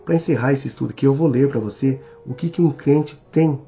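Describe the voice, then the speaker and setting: A man with a Brazilian Portuguese accent teaching a Bible study in a sermon style, speaking slowly and deliberately and addressing the listener directly. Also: medium pitch, creaky, dark tone. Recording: slightly dull recording with faint music.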